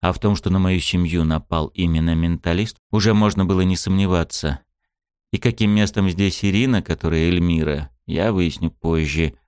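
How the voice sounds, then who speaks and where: A man narrating a first-person story in a steady, tense storytelling manner, recorded close in a studio. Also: sits low, normal speed, smooth, dry recording. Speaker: audiobook narrator.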